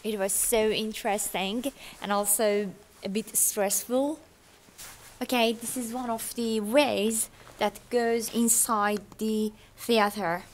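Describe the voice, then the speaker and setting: A woman's voice: a little high, steady tone, takes it slowly, a little hiss or hum. A woman in her thirties from Iran, not an English speaker, giving a chatty, curious walking tour of ancient ruins outdoors into a handheld camera. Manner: chatty, curious, nonnative phrasing. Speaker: travel vlogger. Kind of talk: walking travel vlog tour. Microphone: camera held at arm's length.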